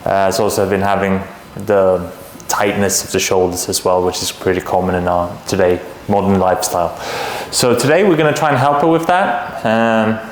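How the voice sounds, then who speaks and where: A man's voice: sits low, normal speed, few pauses. Male chiropractor in a noisy, echoey room. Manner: switches between English and Chinese. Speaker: chiropractor and presenter. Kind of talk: explaining and instructing during a treatment. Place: indoor chiropractic clinic.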